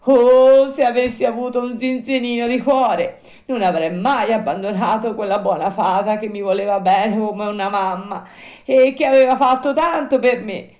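Storybook: a woman playing a high, wailing wooden puppet boy, tearful and pleading, much higher than her own voice. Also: darkish tone, roomy sound, lightly acted.

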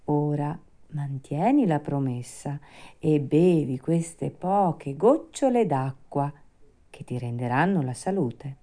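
Donna che fa una fata gentile e materna. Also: female voice, low voice, animated, slow. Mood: coaxing. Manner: gentle, coaxing. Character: patient, kind motherly fairy.

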